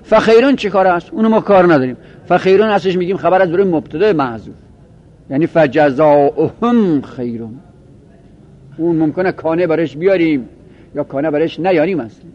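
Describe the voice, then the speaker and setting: High-voiced man teaching grammar, lo-fi. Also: lively intonation, a little mellow. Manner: explains patiently, repeating and drawing out example phrases slowly. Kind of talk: classroom lecture. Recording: dull lo-fi recording.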